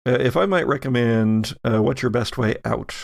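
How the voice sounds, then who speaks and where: Running a tabletop game, a male game master improvises his narration haltingly and conversationally in a gravelly, mid-range voice.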